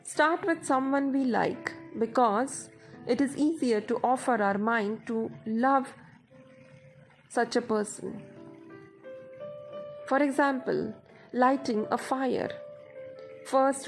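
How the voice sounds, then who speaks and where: Soft music plays under a woman guiding a meditation. Her voice is fairly high, and she speaks very slowly in a measured, instructive way.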